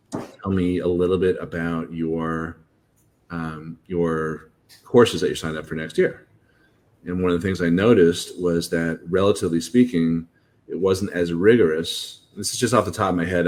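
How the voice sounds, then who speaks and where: A man hosting a podcast on college admissions, explaining in a halting, informal way with many restarts. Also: low-pitched, darkish tone. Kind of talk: casual podcast talk.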